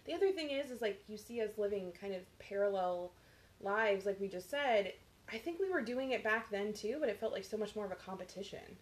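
Woman, 30s, podcast co-host, lively storyteller who mimics others in her anecdotes. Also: medium pitch, a little fast. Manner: animated storytelling, acts out quotes. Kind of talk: casual chat.

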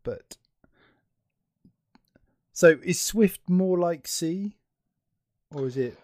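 A man's voice: high-pitched, expressive, very slow, a little mellow, no room sound, studio quality. A middle-aged man hosting a casual conversational interview. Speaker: interview host.

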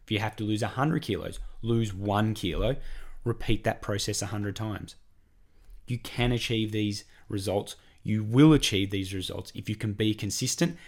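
Hosting his own podcast, a croaky-voiced Australian man, hoarse from a cough, coaches listeners on weight loss. His lowish voice moves at a normal speed in an upbeat, repetitive, talkative way.

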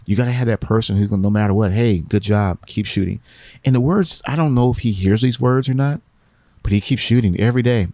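A man's voice: medium pitch, fast talker, dark tone, dry recording. A middle-aged man hosting a podcast, giving rambling, encouraging motivational talk and repeating his phrases. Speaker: podcast host.

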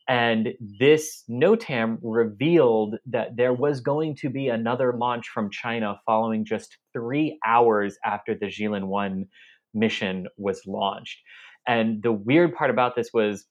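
A man's voice: medium pitch, measured pace, muffled recording. A man co-hosting a casual space news show who explains things in detail. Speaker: podcast co-host.

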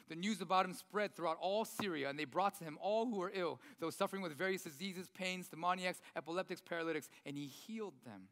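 A pastor preaching in a big echoing hall, his voice a touch higher than most men's. He talks in a loose, conversational way, corrects himself mid-sentence and keeps checking in with "right?" The hall's long reverb hangs on every phrase. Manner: chatty, self-correcting, often adds "right?". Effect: big hall echo. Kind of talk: conversational sermon with scripture reading. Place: church hall. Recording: loud voice in an echoey hall.

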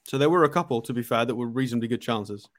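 A man's voice: medium pitch, racing. A man arguing his point insistently as a panellist in a live football debate. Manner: argumentative, insistent.

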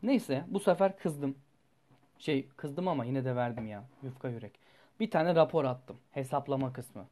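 A young man, a student, telling a personal story in a rambling, animated way and swearing freely. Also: mid-range voice, normal speed. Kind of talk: casual storytelling vlog.

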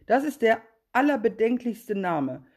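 A woman's voice: a little high, big pitch swings, darkish tone, voice pushed up, heavily acted. A woman doing a trusting little mouse. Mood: wondering. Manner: wondering, quick and eager. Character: trusting, good-natured little female mouse.

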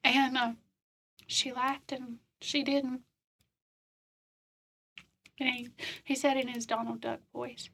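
Calm woman talkin slow n matter of fact, kinda breathy, higher voice. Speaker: guest telling her life story. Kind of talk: personal storytelling in conversation.

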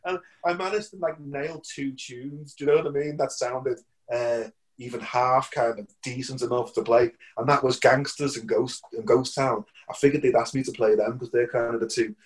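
Middle-aged male musician guest, chatty, animated anecdotes with restarts and laughter, mid-pitched voice. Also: moderate pace, hardly any pauses. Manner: animated, repeats words, laughs often. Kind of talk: casual anecdotal storytelling.

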